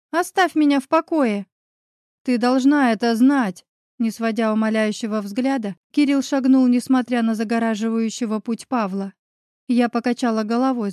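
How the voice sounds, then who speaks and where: A woman's voice: on the high side, mellow, no room sound, clean studio sound. A woman narrating a romance novel in the first person, reading expressively and dramatically. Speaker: audiobook narrator.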